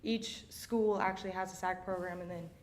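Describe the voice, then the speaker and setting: A woman's voice: fairly low pitch, steady tone, normal speed, slight background noise. A young woman being interviewed as a student athlete guest. She answers in an upbeat, chatty way with lots of "you know". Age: young adult.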